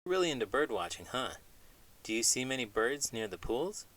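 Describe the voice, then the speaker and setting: With a medium-pitched, fairly bright voice, a middle-aged man hosts children's read-alouds at normal speed in a sing-song way. He reads storybooks expressively and trades scripted puppet banter, with dramatic, playful emphasis and no room sound.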